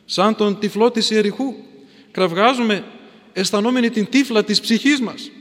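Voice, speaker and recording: A man preaching a sermon in a church, with insistent, repetitive oratory that builds through refrains. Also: sits high. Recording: long hall reverb.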